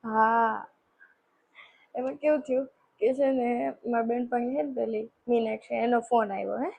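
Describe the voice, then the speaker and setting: A young woman chats to her fiancé on a phone call in a comedy skit. She is shy and teasing, and her fairly high voice has a gravelly, husky edge. The recording sounds dull and lo-fi. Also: fairly even intonation, normal speed. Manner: chatty, shy and teasing, retelling talks with family. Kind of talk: comic one-sided phone call skit.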